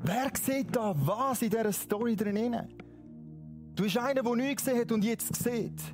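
A man with a Swiss German accent preaching, retelling a Bible story in a conversational way and often checking in with his listeners. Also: sits high. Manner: conversational, asks "oder?" often, dramatic slow readings.

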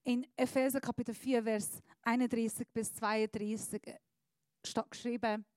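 A woman preaching a sermon into a handheld microphone, speaking slowly and deliberately, and swinging between soft passages and emphatic, louder ones. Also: fairly high pitch, level tone, dry recording. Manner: slow deliberate phrasing with pauses.

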